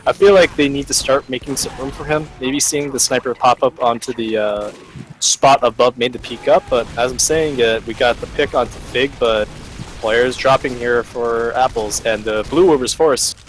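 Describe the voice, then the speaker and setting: A man giving analytical play-by-play commentary on a live esports match, pausing often on "uh". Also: mid-range voice, low-quality recording. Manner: analytical, hesitant, many fillers. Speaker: esports caster.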